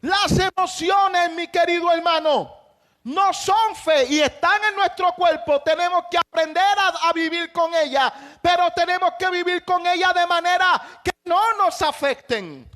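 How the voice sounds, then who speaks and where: High-voiced impassioned male pastor preaching. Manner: impassioned preaching with shouted emphases. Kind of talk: sermon.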